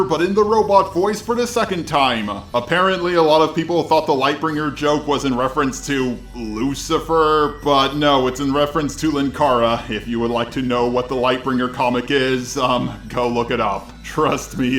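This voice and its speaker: A man's voice: mid-range voice, normal speed, hardly any pauses, fairly bright tone, roomy sound. A man speaking through a robot voice filter, giving dry, matter-of-fact editing asides in a video. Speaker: video creator adding editing notes. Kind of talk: voice-over correction in a video.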